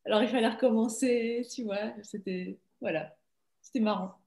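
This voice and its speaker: A woman's voice: on the high side, normal speed, gravelly, mellow, roomy sound. A young woman from Belgium, an actress, chatting casually and laughing often in an interview over a video call.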